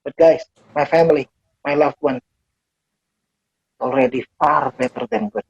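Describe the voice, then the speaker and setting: A preacher giving a casual youth sermon, switching between slang and English phrases and stressing words with sudden jumps in pitch. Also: lively intonation, unhurried, gravelly, breathy edge. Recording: dull lo-fi recording.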